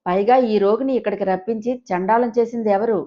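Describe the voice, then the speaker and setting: A woman's voice: medium pitch, steady tone, fast talker, dull audio, lightly acted. A woman voicing a stern older husband rebuking his wife. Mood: reproachful. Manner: sternly reproachful.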